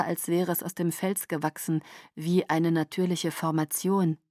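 Woman audiobook narrator, mid-pitch, close and dry, measured first-person telling. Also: a little mellow, no echo.

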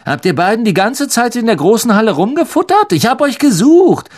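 A man's voice: extremely high pitch, sing-song, a little fast, voice pushed up, heavily acted. A man voicing an arrogant, scornful teenage schoolboy with a sneering way of talking.

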